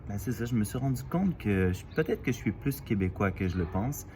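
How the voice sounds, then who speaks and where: A man from Quebec with a Quebec French accent, musing aloud in a casual vlog, halting and full of fillers, outdoors in a city alley. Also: lowish voice, warm tone, a little hiss or hum. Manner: thoughtful, halting, with many fillers and restarts. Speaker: vlogger. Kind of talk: casual reflective monologue.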